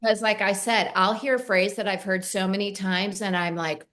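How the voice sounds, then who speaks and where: A woman's voice: mid-range voice, steady tone, moderate pace, a bit bright. Woman cohost chatting casually, swears a lot, acts out her own thoughts. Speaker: co-host. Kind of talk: casual chat.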